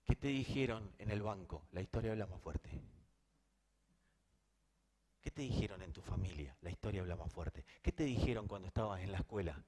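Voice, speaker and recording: A middle-aged man with a Rioplatense Spanish accent preaching a sermon, dropping to hushed intensity and then rising to loud emphasis. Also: low-pitched, fast talker, hardly any pauses. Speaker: pastor.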